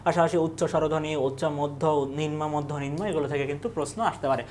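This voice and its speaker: Young adult tutor, exam revision lesson, question-and-answer drilling, mid-range pitch. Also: a little mellow, a little hiss or hum. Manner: asks quiz questions and answers them in quick lists.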